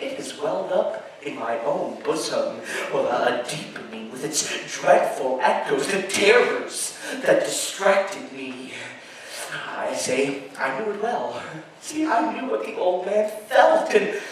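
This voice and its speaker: Frantic and furious, a male stage performer with a slightly high voice delivers a gothic horror confession as a gleefully chuckling, obsessive murderer, halting, repeating himself, and lurching between whispers and shouts. It's a live amusement park show, recorded from afar in an echoey space with faint noise.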